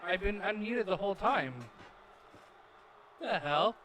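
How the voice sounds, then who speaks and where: This man has a high, somewhat bright voice and talks slowly but animatedly as he co-hosts a gaming channel. He rambles confidently with plenty of fillers while playing a wrestling game, and the game's arena crowd can be heard in the background.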